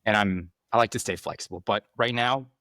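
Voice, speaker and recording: Low-voiced playful male podcast guest. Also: fairly quick, bright, forceful tone, no room sound, clean studio sound. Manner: candid, playful, laughs often. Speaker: podcast guest, content marketer. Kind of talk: casual interview chat.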